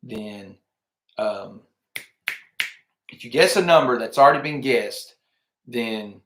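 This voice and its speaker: A man announces a live giveaway in a bright, forward voice. He speaks informally, straight to his viewers, and repeats key phrases. The room around him is noticeably echoey. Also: medium pitch, lively intonation, slow. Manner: informal, addresses viewers directly, repeats himself. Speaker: livestream host.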